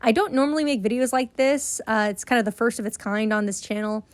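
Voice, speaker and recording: A woman's voice: a little high, fairly quick, no echo. A woman narrating a scripted video essay in an earnest, explanatory way.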